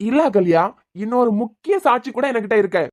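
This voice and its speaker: A woman's voice: on the high side, expressive, a little fast, a little mellow, lightly acted. A woman with a Kanyakumari Tamil accent voicing a stern young male doctor who scolds and interrogates in a cartoon. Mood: pressing. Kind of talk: cartoon voice acting.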